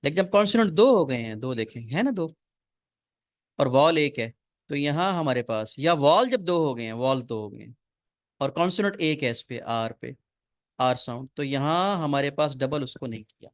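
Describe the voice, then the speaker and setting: Man, classroom lecture, slow rule reading, quick explanations, dry sound. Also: medium pitch, animated, no room sound. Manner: reads rules slowly, explains in quick asides, quizzes students. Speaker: English teacher. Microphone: recorded lecture mic.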